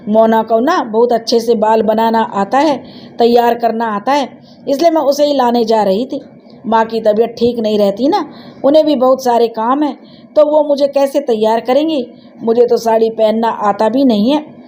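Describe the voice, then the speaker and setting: A woman's voice: a little high, moderate pace, dark tone, a little hiss or hum, natural voice. A woman voicing a playful, headstrong teenage village girl who talks in a coaxing, cheeky way. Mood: eager.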